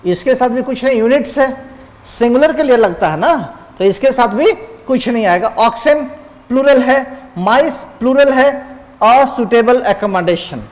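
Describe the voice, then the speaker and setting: A man teaching an exam-prep grammar lesson, quizzing students with rhetorical questions and then answering them, saying example words slowly. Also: extremely high pitch, expressive, big-room sound.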